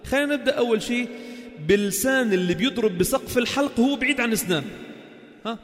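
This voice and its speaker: A man with a Levantine Arabic accent teaching Quran recitation, asking questions and chanting sounds slowly to show them. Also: very high-pitched, animated, in a large hall. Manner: slow, drawn-out chanted demonstrations of sounds and words; asks the class questions and answers them himself. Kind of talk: spoken lesson on tajweed.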